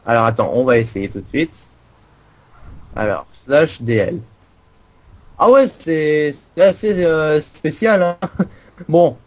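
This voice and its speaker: A man's voice: on the high side, expressive, slow, long pauses. A man co-hosting a casual gameplay video, explaining a game server in a rambling, self-mocking way. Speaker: co-host giving a game server tour.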